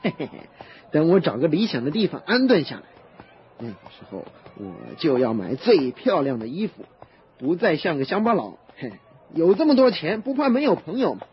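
An actor playing a reckless, spoiled young son in a radio drama, eager and boastful, pleading and giggling. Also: male voice, on the high side, very animated, normal speed, muffled recording, slight background noise. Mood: giddy. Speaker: prodigal son.

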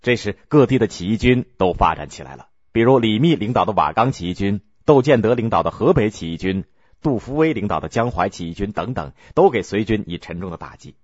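Male storyteller, lively pitch, dry close sound, measured delivery. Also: no room sound. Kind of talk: scripted historical story narration. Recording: dull lo-fi recording.

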